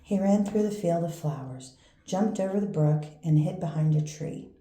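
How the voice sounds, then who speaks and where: An older woman, a grandmother, reading a children's picture book aloud in a gentle, unhurried storytelling manner. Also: on the low side. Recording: roomy echo with faint background noise.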